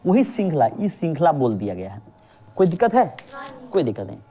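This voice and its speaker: Woman, teacher, very expressive pitch, patient, checks understanding constantly, call-and-response drilling. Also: brisk. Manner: patient, keeps checking understanding with repeated questions; calls the student "babu", drills with call-and-response. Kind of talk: reasoning lesson for students.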